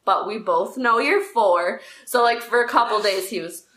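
A woman's voice: medium pitch, normal speed, slight background noise. A woman co-hosting a casual podcast, telling a story animatedly and acting out the people in it. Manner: animated storyteller, acts out quoted voices. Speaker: podcast co-host. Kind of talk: casual chat. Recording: echoey room.

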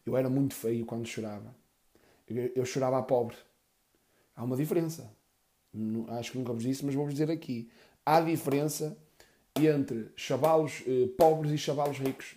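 A man doing stand-up storytelling, crude and rambling with deadpan asides. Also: medium pitch, moderate pace. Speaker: comedian.

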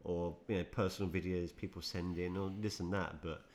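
Agreeable low-voiced podcast co-host. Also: male voice, fairly even intonation, brisk, darkish tone. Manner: agreeable, chuckling, many short affirmations. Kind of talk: casual podcast chat.

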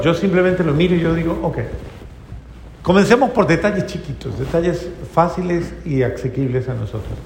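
A man preaching a sermon to a congregation, asking rhetorical questions and often softening to a gentle, tender tone. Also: a little high, a little hiss or hum. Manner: rhetorical questions, drops to soft tender tones. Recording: echoey hall with faint ambience.

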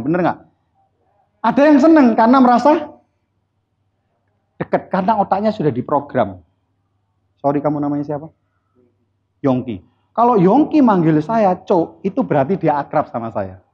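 Male seminar speaker, high and lively voice, blunt teasing delivery. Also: normal speed, long pauses. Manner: blunt, teasing, quizzes the audience. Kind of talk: live motivational seminar talk. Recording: dull lo-fi recording.

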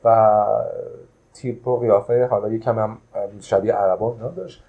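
A man's voice: on the low side, fairly even intonation, phone-quality sound. A man who manages a traditional hotel, casually recounting a travel memory with many hesitant filler sounds.

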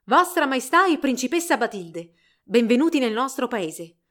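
A woman's voice: high-pitched, very animated, moderate pace, fairly bright tone, pitched above the performer's own voice. A woman doing a bowing, humble villager. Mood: deferential. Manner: deferential, formal welcome.

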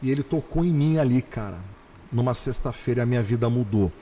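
A male pastor telling his conversion story on a podcast, animated, slowing down and repeating phrases for emphasis. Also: medium pitch, big-room sound, slight background noise. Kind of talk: podcast testimony.

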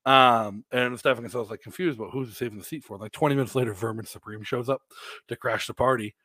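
A man hosting a casual podcast, telling stories in an animated way and laughing often. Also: mid-range voice, fast talker, no room sound. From New Hampshire, United States. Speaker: podcast host.

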